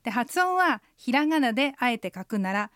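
A woman leads a radio language lesson in a clear, explanatory way. She models words slowly and carefully. Her voice sits a little high, and the studio sound is very dry. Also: big pitch swings, fairly bright tone, no room sound. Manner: clear explanatory teaching, slow model pronunciation. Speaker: Chinese language teacher.

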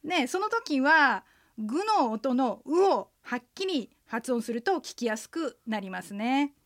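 A woman, an interpreter guide, co-hosting a radio language lesson and leading the listeners through patient, clear pronunciation drills. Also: high voice, sing-song, a little slow, a bit bright, dry recording, clean studio sound.

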